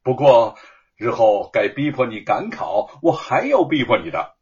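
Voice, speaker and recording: A man voicing Shen Kun, a boisterous male scholar in a told story, teasing his friend loudly. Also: medium pitch, very animated, unhurried, husky, lo-fi sound, full character voice. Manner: teasing, loud.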